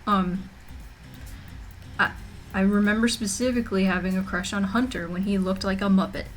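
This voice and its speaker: Soft music plays behind a young woman's casual livestream chat from her home room. She speaks at normal speed in a steady, medium-pitched voice, rambling with lots of fillers and restarts while feeling a bit nauseous.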